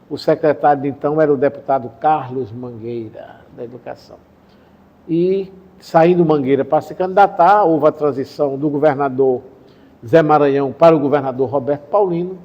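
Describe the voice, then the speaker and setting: Older man, mellow dull-sounding voice. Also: a little high. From Sertão of Paraíba, Brazil. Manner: unhurried, recounts dates and names, self-correcting. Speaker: interviewee, retired professor and former education official. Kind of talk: reminiscing interview answer.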